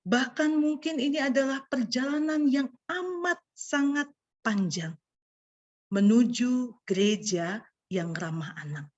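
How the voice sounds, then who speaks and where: Female guest presenter, mid pitch, weak unrolled r, interactive online talk, slightly dull lo-fi call sound. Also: slow. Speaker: guest speaker, pastor. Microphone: video call.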